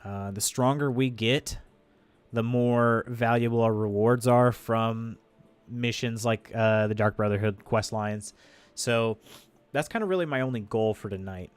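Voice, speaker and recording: On a game livestream, a congested man rambles loosely through his thoughts, full of fillers and restarts. His medium-pitched voice is clear and resonant, a little slow, captured dry and close on a desk microphone with no echo.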